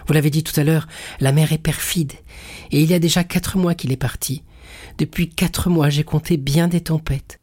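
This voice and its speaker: A man's voice: on the high side, fairly even intonation, normal speed, darkish tone, no echo, clean studio sound, voice pushed up, close to an everyday voice. A man reading aloud voices a passionate, loyal young fiancée who pleads with fervor in a storybook. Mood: earnest pleading. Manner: fervent, tearful pleading.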